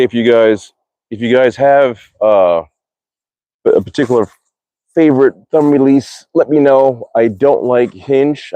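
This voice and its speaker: A man's voice: medium pitch, dark tone, no echo. A man live-streaming from his backyard archery range, chatting casually, answering viewer comments aloud and muttering curses after bad shots. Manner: rambling, restarts often, answers chat comments aloud. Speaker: archery livestreamer. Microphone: phone live-stream.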